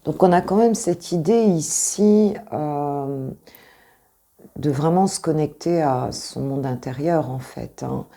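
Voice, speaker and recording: A woman's voice: low-pitched, takes it slowly, gravelly, warm tone. A French woman coaching intuitively, talking casually through a tarot reading with many hesitations and repeated points.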